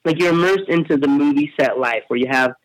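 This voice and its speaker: Animated storyteller with a bright voice. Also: male voice, fairly high pitch, fast, no echo, low-quality recording. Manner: animated storytelling with frequent repeated words. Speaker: interview guest, speaker. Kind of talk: casual podcast interview.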